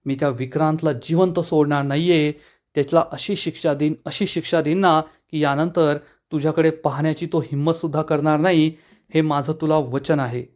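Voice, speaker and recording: A man's voice: on the high side, fairly even intonation, moderate pace, darkish tone, natural voice. A man voicing a fierce, protective father who is a powerful lawyer, speaking in a stern, threatening manner. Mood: stern tender.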